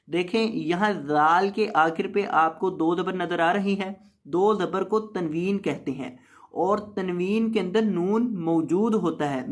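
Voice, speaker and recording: A man teaching Quran recitation, patiently explaining each sound step by step and chanting the words slowly. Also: sits high. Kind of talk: tajweed lesson with slow recitation.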